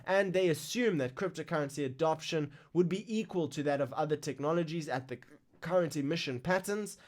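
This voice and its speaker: A man hosting a live crypto news stream, reading market figures in a casual, excitable way while fighting the hiccups. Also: fairly high pitch. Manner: excitable, exclaims over numbers.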